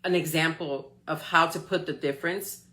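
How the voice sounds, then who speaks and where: A woman's voice: low voice, fairly even intonation, moderate pace, sharp tone. A woman in her forties giving an encouraging motivational talk on a live stream, often checking in with her listeners. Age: 40s. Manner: encouraging, checks in with frequent "okay?" and "right?". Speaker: motivational speaker.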